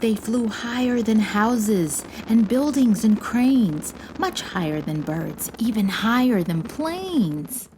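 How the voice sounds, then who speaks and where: A woman's voice: on the high side, animated, takes it slowly, few pauses, a little mellow, a little hiss or hum, poor audio. A woman reading a children's storybook aloud as host, with dramatic, playful emphasis. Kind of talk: expressive scripted storybook narration.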